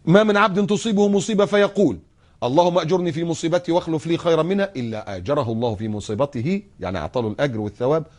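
A man preaching a sermon in an Egyptian accent, speaking in a lively, theatrical way that acts out scenes and voices. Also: medium pitch. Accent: Egyptian Arabic. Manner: animated, acts out quoted voices and scenes, jokes and laughs. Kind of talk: colloquial sermon.

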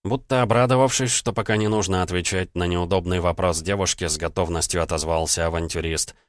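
A man narrating an audiobook in a measured, steady reading style, recorded close to the mic. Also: low voice, dry recording.

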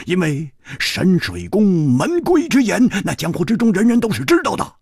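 A man voicing a boisterous young swordsman in a storytelling audiobook, talking high and fast with many fillers. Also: wildly swooping pitch, vocal fry, a little mellow, breathy edge, dry recording, studio quality, full character voice. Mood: excited.

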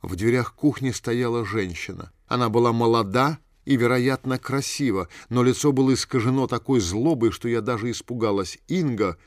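Man reading a novel aloud, measured. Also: medium pitch, no echo, clean studio sound. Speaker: audiobook reader. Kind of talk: scripted narration.

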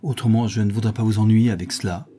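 A man voicing a cool, commanding young male dandy who gives orders briskly. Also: on the low side, steady tone, mellow, husky. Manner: commanding, urgent.

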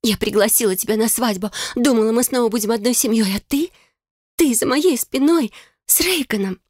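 A woman's voice: brisk, a little mellow, dry recording, clean studio sound, close to an everyday voice. A woman playing a tearful furious young bride. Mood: trembling reproach. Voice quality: trembling, shrill voice.

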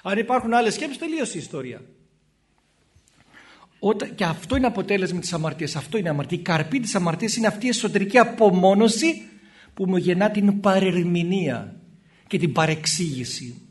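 A man's voice: high voice, lively intonation. A male Orthodox priest giving a spoken sermon in a conversational way, acting out short exchanges between people. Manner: conversational, acts out little dialogues in shifting voices.

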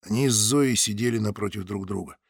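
A man's voice: on the low side, a little fast, husky, no room sound, clean studio sound. A man narrating an audiobook in a dramatic, tense reading. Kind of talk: scripted narration.

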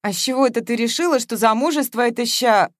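A cheerful, house-proud older woman talks in a lively, animated way, voiced by a woman reading the story aloud. She comes across fussy and quick to take offence. The sound is dry and close. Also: on the high side, no room sound, voice pushed up, lightly acted.

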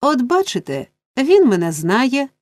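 A woman voicing a theatrical young woman who loudly wails and pleads in tears in an audiobook story. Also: mid-range voice, animated, moderate pace, no room sound, studio quality, lightly acted. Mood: shrill pleading. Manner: wailing, pleading exclamations.

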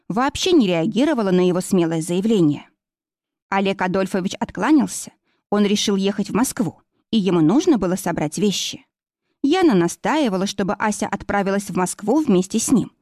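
A woman narrates a novel aloud in an even, expressive reading voice of middling pitch. The recording is close and dry, with no room sound. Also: no room sound. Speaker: audiobook narrator. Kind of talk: scripted narration.

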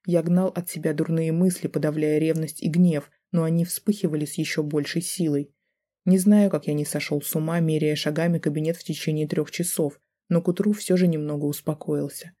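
A man narrating an audiobook in the first person, in a tense, brooding, measured way. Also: on the high side, fairly even intonation, dark tone.

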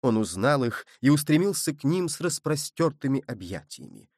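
A man narrating a classic adventure novel in a measured, expressive reading. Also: mid-range voice, no echo, studio quality. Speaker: audiobook reader. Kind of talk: scripted narration.

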